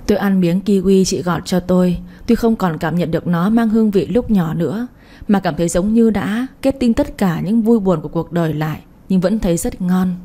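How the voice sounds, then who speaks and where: A woman reading a late-night romance story in the first person, soft and emotional. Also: lowish voice, normal speed. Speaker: audiobook storyteller.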